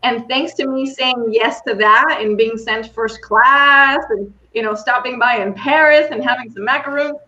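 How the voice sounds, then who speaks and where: A woman's voice: fairly high pitch, normal speed, few pauses, highs cut off. Upbeat woman coach telling a story. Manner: enthusiastic, animated storyteller. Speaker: coach and keynote speaker. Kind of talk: storytelling in podcast conversation.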